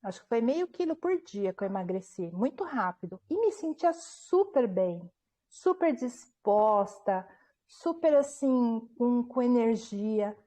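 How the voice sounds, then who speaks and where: Woman author as interview guest; warm, mellow tone, lively storyteller who acts out the dialogue. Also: on the high side, a little slow. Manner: animated retelling, acting out quoted dialogue, frequent tag questions. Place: at home.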